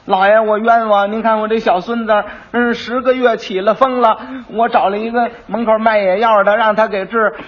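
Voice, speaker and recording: A man playing a shrill wailing old grandmother. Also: level tone, normal speed, few pauses. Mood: aggrieved. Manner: wailing, stammering complaints. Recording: dull old lo-fi recording.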